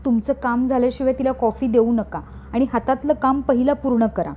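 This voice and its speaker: A woman reading the lines of a firm, steady young wife in her own narrating voice. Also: high voice, fairly quick.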